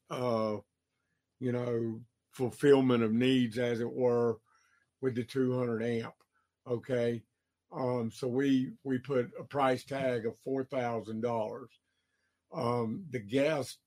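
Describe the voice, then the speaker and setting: A man hosting a podcast on electrical work, explaining costs slowly with many ums and uhs, hiccuping now and then. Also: mid-range voice, darkish tone. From Georgia, USA. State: has the hiccups.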